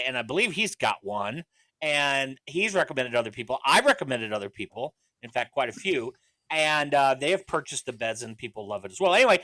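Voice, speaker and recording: A man's voice: medium pitch, bright, forceful tone, no room sound, rough recording. Rambling, laughing podcast host man, dry sound. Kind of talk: casual chat.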